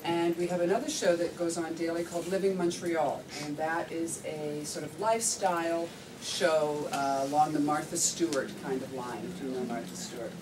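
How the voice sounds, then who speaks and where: A woman's voice: low-pitched, fairly even intonation, moderate pace, distant mic. A woman managing editor giving visitors an informal explanatory talk in a newsroom. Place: working newsroom. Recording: noisy room, off-mic pickup.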